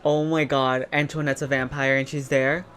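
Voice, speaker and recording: A man's voice: medium pitch, little pitch movement, moderate pace, fairly bright tone. A man who is a campy, dramatic drag queen, giving casual reaction commentary as a host.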